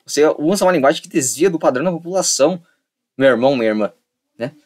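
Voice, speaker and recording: A man's voice: on the high side, animated, quick pace, darkish tone. A young man giving a casual, repetitive lesson and acting out little dialogues to make a point. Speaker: online tutor.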